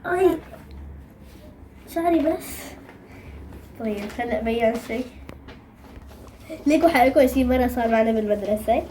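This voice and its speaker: High-pitched young female vlogger, Levantine accent. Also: normal speed, long pauses, mellow, slight background noise. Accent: Levantine Arabic, Syrian. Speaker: host of a drawing video. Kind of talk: casual chat to viewers while drawing.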